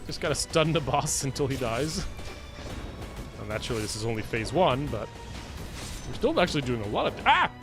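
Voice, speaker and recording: A man giving animated live gameplay commentary as a streamer, who keeps addressing his viewers as friends. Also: mid-range voice, a little fast, long pauses, over music. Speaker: gaming streamer.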